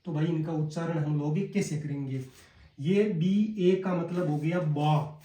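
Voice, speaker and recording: A man with a Hindi accent teaching a casual spoken lesson, drilling words slowly one by one and calling his viewers brother. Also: fairly high pitch, fairly even intonation, mellow. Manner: slow and repetitive, drilling words one by one, addresses viewers as "bhai". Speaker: language teacher. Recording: echoey room, voice a bit far from the mic.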